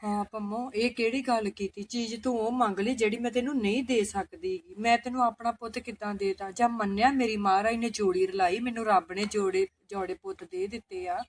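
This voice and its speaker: A woman's voice: a little high, a little fast, few pauses, lightly acted. A woman playing a poor village mother of twin sons who fusses over her sister-in-law and firmly refuses her. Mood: refusing. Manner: fussing, exclaiming, firm.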